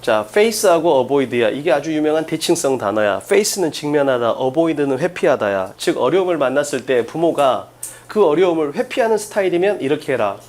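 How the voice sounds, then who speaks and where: A man teaching an exam-prep English class, firing quick questions at students and stressing key points. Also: on the high side, expressive, a little mellow. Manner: drills students with rapid questions, emphatic.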